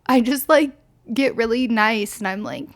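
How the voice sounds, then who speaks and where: A slightly tipsy woman in her twenties hosts a casual solo podcast, rambling candidly with plenty of fillers and swearing. Her voice sits a little high and her pace is measured.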